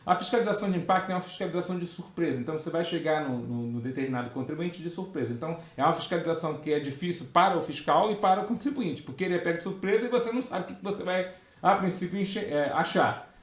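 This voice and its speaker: A Brazilian man with a high, bright voice tells a workplace story to his students. He talks in animated bursts full of fillers and asides, and the sound rings in a roomy, echoey space. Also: very fast. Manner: animated anecdote telling, many fillers and asides. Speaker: tax auditor and exam-prep teacher. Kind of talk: live storytelling lesson, reading viewer questions.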